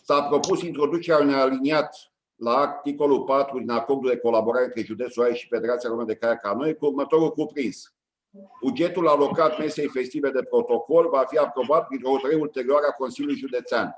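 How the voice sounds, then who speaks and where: A man chairing a county council meeting, reading out agenda items and calling votes in a brisk, routine way. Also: mid-range voice, steady tone, a little hiss or hum, rough recording. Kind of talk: formal procedural chairing.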